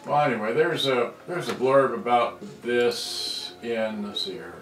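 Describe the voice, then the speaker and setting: Indoors at a computer screen, a vintage electronics hobbyist gives a loose, off-the-cuff show-and-tell, rambling and muttering to himself as he searches. His voice is medium-pitched, fairly bright and measured. He sits far from the mic, so the room echoes, and music plays behind him.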